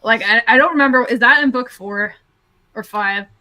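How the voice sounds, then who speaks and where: A woman's voice: a little high, normal speed, pushed and bright, no echo. A woman hosting a casual book discussion livestream, chatty and full of filler words as she steers the talk. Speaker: livestream host.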